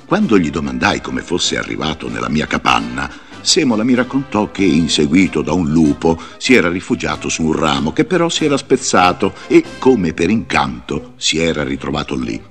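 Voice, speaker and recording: Patient old wizard, low voice, wide swooping pitch, storybook narrator. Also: male voice, moderate pace, few pauses, faint music behind, heavily acted. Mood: storytelling. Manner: lively, theatrical storytelling. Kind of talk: read-along storybook narration.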